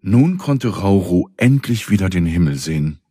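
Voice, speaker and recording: A man reads a children's story calmly and speaks to the listener directly. His voice is very deep, mellow and husky. It is recorded close and dry. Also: normal speed, dry recording. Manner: calm, addresses the listener. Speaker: narrator.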